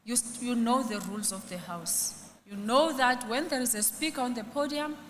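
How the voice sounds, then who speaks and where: A South African woman chairs a parliamentary sitting in a stern, admonishing manner. Her voice sits a little high. Clear noise and long hall reverb surround it. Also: normal speed, a bit bright. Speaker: legislature speaker presiding. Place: large legislature chamber. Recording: noisy reverberant chamber.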